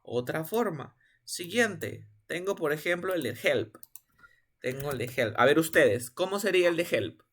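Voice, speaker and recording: A man teaching an online English pronunciation class. His voice sits a touch high, and he keeps asking questions and drills each word by repeating it patiently. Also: lively intonation, measured pace, a bit bright. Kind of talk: online class, calling on students.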